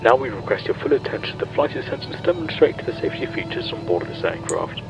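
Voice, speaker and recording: A man's voice: medium pitch, big pitch swings, quick pace, vocal fry, muffled recording, noisy background. A man reading a scripted airline safety announcement in a formal, instructional manner.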